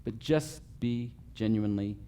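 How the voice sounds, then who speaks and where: A man's voice: on the low side, unhurried, warm tone, a little hiss or hum. Man coaching a group through a list. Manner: runs through a numbered list, checking in with frequent okays. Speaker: customer service trainer. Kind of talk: live training talk to a group. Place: meeting room with a live audience.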